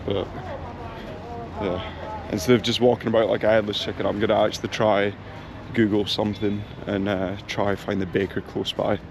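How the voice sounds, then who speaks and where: A young travel vlogger with a low, gravelly voice chats to the camera as he walks through town streets and a bakery, speaking at normal speed with a flat delivery. He thinks aloud with lots of ums, and his action camera mic picks up loud traffic and town bustle.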